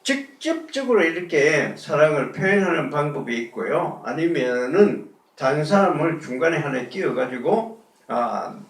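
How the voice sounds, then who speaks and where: A man's voice: on the high side, big pitch swings, normal speed, echoey room, far from the mic. A male pastor giving a conversational sermon, asking the congregation rhetorical questions. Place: church sanctuary.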